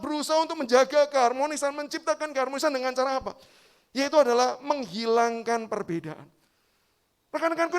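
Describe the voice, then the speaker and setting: Male preacher, church youth sermon, lively storytelling, asks the audience questions. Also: very high-pitched. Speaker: youth pastor.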